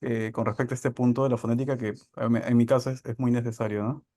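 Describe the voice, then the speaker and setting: Man attendee on a call, hesitant and halting, dry sound with no room. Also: medium pitch, flat delivery, mellow, dry recording. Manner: halting, repeats words while forming a question. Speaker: webinar attendee asking questions. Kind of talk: question on a video call. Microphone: video call.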